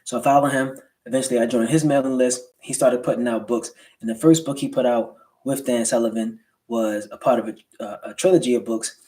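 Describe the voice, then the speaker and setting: A man's voice: mid-range voice, fairly even intonation, brisk, few pauses, mellow, low-quality recording. American man with slightly slurred, swollen-lip speech. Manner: colloquial motivational delivery with rhetorical check-ins. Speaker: livestream host, entrepreneur. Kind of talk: casual livestream talk to viewers.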